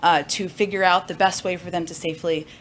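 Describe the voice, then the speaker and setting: A woman press secretary answering reporters' questions in a measured way, with frequent filler pauses. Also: lowish voice, fairly even intonation, slight background noise. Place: briefing room.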